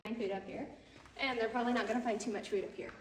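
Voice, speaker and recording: A woman's voice: on the high side, steady tone, very fast. A woman working as a cave tour guide, explaining things casually and jokingly to visitors inside an echoing cave. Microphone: visitor's camera, some distance away. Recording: echoey cave, distant voice, background noise.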